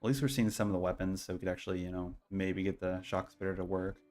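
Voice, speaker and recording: A man giving casual, low-key gameplay commentary, thinking aloud as he plays. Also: fairly even intonation, fast, a little mellow. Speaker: streamer playing a card game. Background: faint game music.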